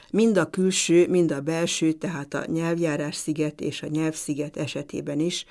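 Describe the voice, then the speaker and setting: A woman lecturer giving an academic talk in a measured, deliberate way, pausing now and then to hesitate. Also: deep voice, a little mellow. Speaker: university lecturer.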